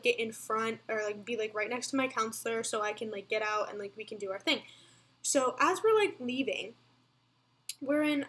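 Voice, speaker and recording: A woman's voice: on the high side, fairly bright tone. A young woman telling a storytime vlog, chatty and breathless, full of fillers. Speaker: vlogger.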